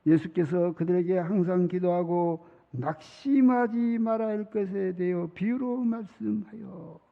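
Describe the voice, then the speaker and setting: With a high-pitched, gravelly voice and measured pace, a middle-aged pastor preaches in a large church sanctuary. He's chatty, laughs often, and dramatizes children's pleas, while the hall's reverb muffles the recording.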